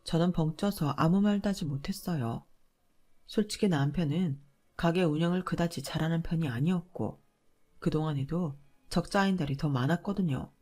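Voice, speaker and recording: A woman narrating a first-person family story in a calm, confiding way. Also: low voice, moderate pace.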